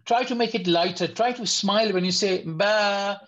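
A man teaches a beginners' lesson over an online call, and his voice comes through a little dull and lo-fi. He is patient, repeats each sound slowly, and gently corrects his students as they go. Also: high voice. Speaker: Tajweed teacher. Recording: slightly dull lo-fi audio.

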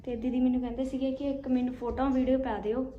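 A woman's voice: high voice, level tone, fast, highs cut off. A woman chatting casually for a family vlog, often repeating herself for emphasis. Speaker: family vlogger. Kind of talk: casual home vlog chat. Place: at home and on its open rooftop. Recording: noisy handheld home recording.

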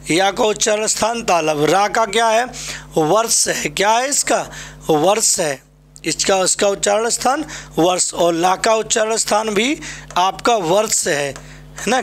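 A man's voice: high voice, fairly bright tone. A male teacher from Uttar Pradesh giving an exam-prep Hindi lesson, drilling students by asking a question and then answering it himself.

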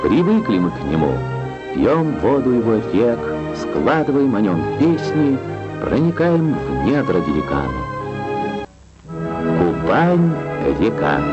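Man, Soviet newsreel announcer with sweeping intonation. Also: mid-range voice. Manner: declamatory, lyrical, solemn phrasing. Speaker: newsreel narrator. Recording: dull 1960s film soundtrack, loud music.

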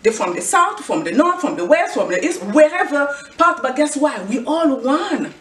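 A middle-aged woman from the Congo, a fashion vlogger and clothing designer, gives an earnest, preachy motivational talk to camera in a Congolese accent, repeatedly asking a rhetorical question. Her high voice is very animated and a bit bright, at a normal speed. Recorded from far off in an echoey indoor room with a clothing rack, there is slight background noise.

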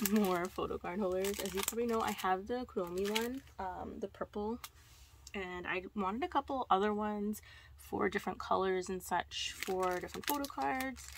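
A woman's voice: medium pitch, noisy background. A woman vlogger talking casually through an unboxing haul, gushing and squealing with delight.

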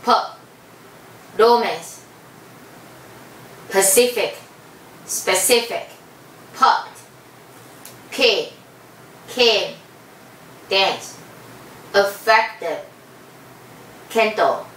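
A woman with a Taiwanese accent reads out a list of single words very slowly. Each word stands alone, spoken deliberately. She sounds distant from the microphone in a roomy space. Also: mid-range voice, a bit bright. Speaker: interviewee reading a word list. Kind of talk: reading isolated words one at a time. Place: small room at home, indoors. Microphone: camera a few metres away. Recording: roomy, distant mic with faint noise.

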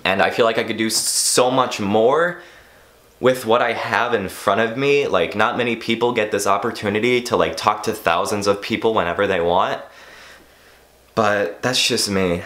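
A teenage boy vlogging casually, rambling with lots of "like" fillers and self-mockery, a bit hoarse. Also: on the low side, moderate pace, a bit bright. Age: teens. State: losing his voice. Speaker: YouTuber. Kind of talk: casual vlog monologue.

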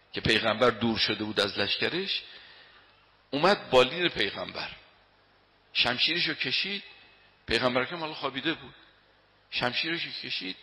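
A man's voice: medium pitch, pushed and bright. A man giving a sermon, telling stories emphatically and reciting Arabic quotations, his voice swelling on key phrases. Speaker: religious lecturer. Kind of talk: sermon with storytelling. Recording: long hall reverb.

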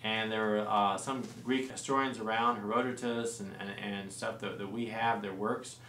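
A man in his forties with a fairly low voice talks through church history in a relaxed, explanatory way, often pausing on fillers and restarting phrases. He sounds a little distant from the mic in a roomy space, with a faint hiss behind him. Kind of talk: explanatory studio discussion. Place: small studio set with lamp and plants.

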